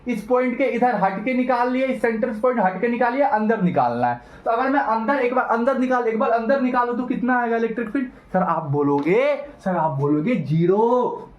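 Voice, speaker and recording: A man teaching a physics lesson, animated and teasing, talking straight to his students. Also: very high voice, roomy sound, muffled recording. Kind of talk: classroom lecture.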